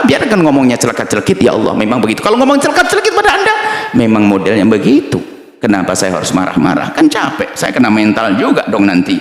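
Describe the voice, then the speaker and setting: A man giving a sermon, talking in an animated, joking way and acting out remarks he quotes. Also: medium pitch. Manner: animated, jokes with the audience, acts out quoted remarks. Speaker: preacher. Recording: echoey hall recording.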